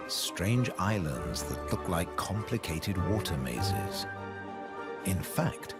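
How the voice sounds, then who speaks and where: A man narrates a nature documentary in a low voice. His delivery is scripted and measured, shaped by dramatic pauses and a lively, wide-moving intonation. Music plays clearly behind him. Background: background music.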